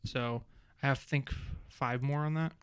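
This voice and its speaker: A man's voice: mid-range voice, fairly even intonation, moderate pace, smooth, no room sound, clean studio sound. A man co-hosting a podcast in casual chat, rambling with many fillers and restarts. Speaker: podcast co-host.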